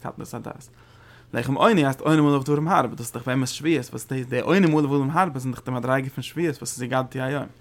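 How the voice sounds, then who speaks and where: Gravelly-voiced man teaching a religious text. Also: mid-range voice. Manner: halting, repeats words and restarts phrases; sudden emphatic rises when stressing a point. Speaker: Torah teacher. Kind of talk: religious study lecture.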